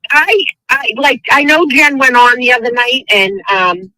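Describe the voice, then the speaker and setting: A woman's voice: high voice, animated, measured pace, bright, forceful tone, no room sound, poor audio. A woman with a Boston accent chatting casually as a caller to a show, effusive and emphatic, often repeating phrases for emphasis. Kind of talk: casual chat.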